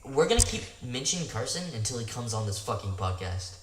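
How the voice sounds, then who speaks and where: A young man co-hosting a podcast, chatting quickly and cutting in on his co-host. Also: medium pitch, big pitch swings. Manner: fast, interrupting chatter. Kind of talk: casual chat. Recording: echoey room, mic set at a distance, faint noise.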